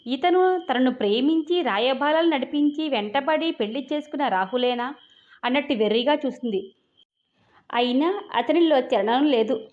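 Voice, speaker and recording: High-voiced woman reading a novel. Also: moderate pace. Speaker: storyteller. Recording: dull lo-fi recording.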